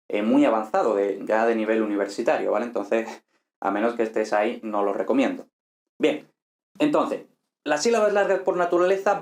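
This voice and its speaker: A man's voice: on the high side, a little mellow, echoey room. A man teaching an online language class, explaining step by step and often checking in with his listeners. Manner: explanatory, frequent "¿vale?" and "¿no?" checks. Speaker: Latin teacher. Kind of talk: online lecture.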